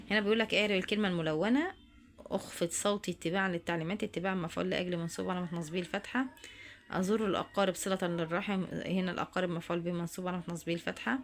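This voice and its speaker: A woman teacher with an Egyptian accent, walking students through homework answers and addressing them directly. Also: on the low side. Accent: Egyptian Arabic. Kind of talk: homework walkthrough lesson.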